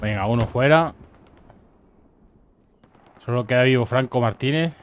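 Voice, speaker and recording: A young man with a Murcian Spanish accent, giving playful mock-documentary commentary over game footage and jumping into excited yelps. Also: mid-range voice, unhurried. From Murcia, Spain. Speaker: gaming streamer. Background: faint game gunfire and explosions.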